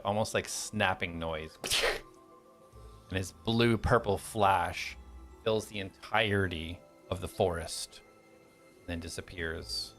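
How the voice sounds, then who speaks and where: A man's voice: sits low, a bit bright. A man narrating a tabletop game as game master, in a loose style full of fillers. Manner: loose, filler-heavy narration with frequent laughs.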